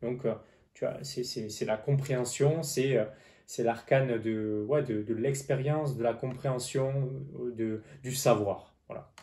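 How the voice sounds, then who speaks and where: A man's voice: medium pitch, steady tone, measured pace, warm tone. A man giving an informal tarot forecast straight to the viewer, explaining hesitantly with repeated phrases and a slight lisp on his s sounds. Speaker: tarot card reader.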